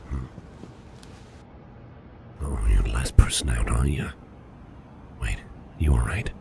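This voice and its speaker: A man voices a kindly, protective boss who is a businessman in an ASMR personal attention roleplay, fully in character. His very deep, gravelly, breathy murmur is slow, soft and reassuring, carrying a worried yet soothing mood. Background noise and ambience come through clearly.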